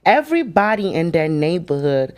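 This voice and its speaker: A woman in her thirties from Africa, raised in Chicago, telling lively stories in casual podcast talk. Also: fairly low pitch, normal speed. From born in Africa, raised in Chicago. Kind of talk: casual conversation.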